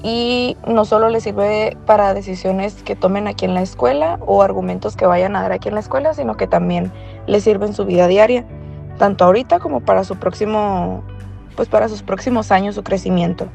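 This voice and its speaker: A woman's voice: medium pitch, brisk, creaky, darkish tone, faint music behind. A woman teacher explaining her classroom approach, with small restarts. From Mexico. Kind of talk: interview testimony.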